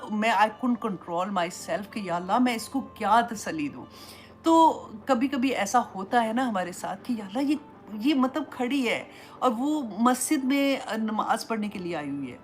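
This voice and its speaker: A woman Islamic teacher giving a Quran commentary lesson, telling stories and slipping English phrases into her Urdu. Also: a little high.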